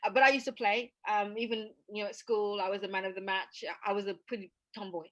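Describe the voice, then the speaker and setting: A British woman hosting a casual discussion, animated and laughing often as she acts out other people's reactions. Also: mid-range voice, quick pace, dry recording, muffled recording. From Britain. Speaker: podcast host.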